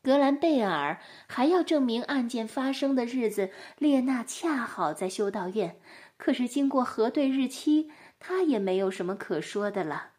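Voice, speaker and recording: A woman narrating a storybook with an expressive, animated delivery. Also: a little high, moderate pace.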